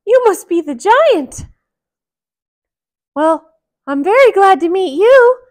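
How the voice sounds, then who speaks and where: A woman voicing a small, plucky male cartoon mouse hero in a storybook, squeaky, cheeky and daring. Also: big pitch swings, slow, darkish tone, exaggerated voice. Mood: bold. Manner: squeaky, chirpy, challenging. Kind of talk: children's storybook character voice.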